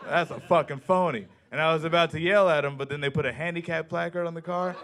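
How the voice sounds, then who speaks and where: Male stand-up comic, slightly high voice, deadpan storyteller, club mic. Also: fast, a little hiss or hum. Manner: deadpan storytelling with acted-out quotes. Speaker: stand-up comedian. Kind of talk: stand-up set. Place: comedy club stage.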